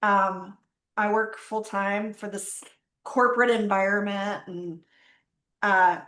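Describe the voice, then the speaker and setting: A woman's voice: mid-range voice, steady tone, slow, fairly bright tone. A middle-aged woman telling her story openly and reflectively in a casual conversation. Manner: open, reflective, faith-centered storytelling. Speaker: podcast guest. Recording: roomy echo.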